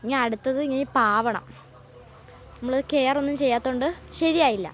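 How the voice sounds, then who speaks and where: A chatty woman with a fairly high voice talks her viewers through her home garden, filming on a phone outdoors. Faint outdoor noise sits under her voice. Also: moderate pace. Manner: chatty, addresses viewers as guys. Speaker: vlogger. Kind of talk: casual vlog walkthrough.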